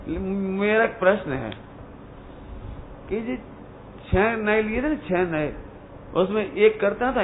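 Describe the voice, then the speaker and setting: A man giving a religious discourse to students, often questioning his listeners and chuckling at his own points. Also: high voice. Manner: questioning the listeners, calling them "beta". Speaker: Jain religious teacher. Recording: tinny phone-like lecture recording with faint hiss.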